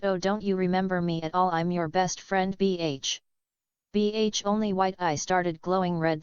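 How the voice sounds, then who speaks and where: A woman reading a fan-made cartoon story aloud in a plain, halting way. Her voice is lowish, smooth and clear, and the recording is close and dry but dull and lo-fi. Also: no echo. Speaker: narrator.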